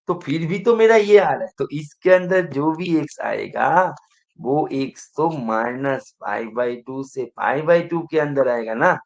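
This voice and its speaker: A man teaching math to exam students, with a voice pitched a little high. He talks slowly and deliberately. He keeps asking the class questions and repeats his calls to pay attention. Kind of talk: exam-prep lecture.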